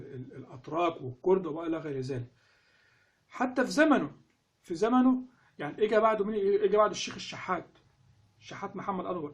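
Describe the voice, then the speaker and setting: A man with an Egyptian accent gives an informal lesson. His voice sits high, and he talks at a rapid clip. He keeps the talk moving with rhetorical questions. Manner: animated, asks rhetorical questions. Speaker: instructor on Quran recitation. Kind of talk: casual spoken lesson.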